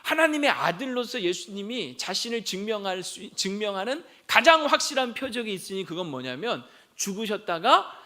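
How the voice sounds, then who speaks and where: A man's voice: high-pitched, bright, forceful tone. A middle-aged male pastor preaching a Sunday sermon, often talking straight to the congregation and asking them rhetorical questions he then answers. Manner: addresses listeners directly and often; leads a group Bible reading. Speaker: senior pastor.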